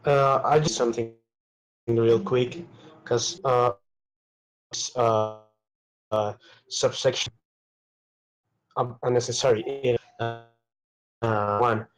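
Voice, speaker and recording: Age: adult. Sex: man. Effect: breaking-up group voice chat. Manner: slow, halting. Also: medium pitch, steady tone, faint music behind, poor audio. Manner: hesitant, filler-heavy, halting. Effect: voice over choppy online group voice chat. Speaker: debate participant. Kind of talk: online community policy debate.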